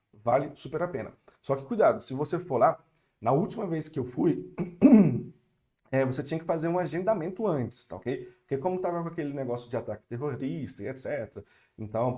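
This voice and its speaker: A young Brazilian man teaching French online, patient and repetitive, slowing down to model phrases and checking in with his students. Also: mid-range voice, dark tone. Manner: patient, repeats phrases slowly, checks in with "tá certo?". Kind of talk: online language lesson.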